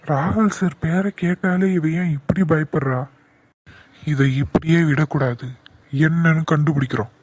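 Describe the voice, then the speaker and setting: A man's voice: a little high, moderate pace, dry recording, close to an everyday voice. A man voicing a stern young male college lecturer who questions firmly in a cartoon. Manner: firm, questioning. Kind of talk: cartoon voice acting.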